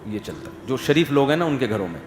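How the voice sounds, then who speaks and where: A man giving an Islamic sermon, swinging from emphatic questions to soft, quiet asides. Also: mid-range voice, faint music behind. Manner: animated, rises to emphatic questions, drops to soft quotes. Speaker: Islamic scholar giving a talk. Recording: echoey hall with faint ambience.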